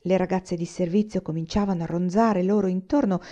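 Woman reading a novel aloud, mellow. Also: lowish voice. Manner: steady, measured reading. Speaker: reader. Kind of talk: audiobook narration. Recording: slightly muffled lo-fi recording.

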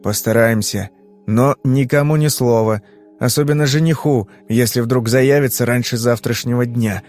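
Audiobook role: male reader as a calm investigator, curt, steady questioning. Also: medium pitch, faint music behind, lightly acted. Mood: brusque. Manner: measured, terse questioning.

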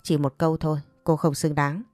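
A woman voicing a composed young wife with a sharp tongue who cuts her rival down, in a narrated story. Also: deep voice, flat delivery, brisk, no echo, clean studio sound, soft background music, natural voice. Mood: furious. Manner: cool and cutting.

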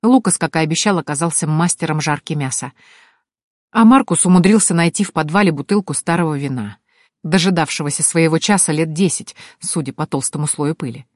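Low-voiced woman reading a wry fantasy. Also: a little fast, dry recording, clean studio sound. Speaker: audiobook narrator. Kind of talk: first-person fantasy narration.

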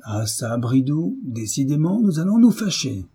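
In this audiobook character reading, a man portrays a furious, brutish middle-aged landowner with a hot temper who blusters, curses and shouts. The voice is husky and medium-pitched, with lively intonation at a moderate pace.

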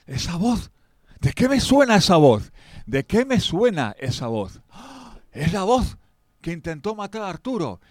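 A man voicing a frantic courtier, urgently pleading in a shrill voice. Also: very animated, unhurried, hardly any pauses, a little mellow, dry recording, clean studio sound.

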